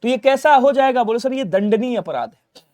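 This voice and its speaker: A high-pitched male teacher drilling exam grammar questions at a brisk clip. He asks each question and answers it himself in the same breath, and he drops his voice low for quick reminders. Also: lively intonation, a little mellow. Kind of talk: exam-prep grammar lesson.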